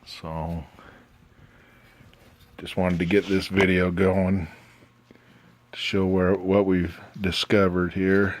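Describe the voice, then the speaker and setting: A middle-aged man with a low voice narrates a hands-on repair slowly and flatly, leaving long pauses as he thinks aloud in a casual, plain-spoken way. He's an amateur radio restorer, and music plays behind him from the vintage radio he's testing.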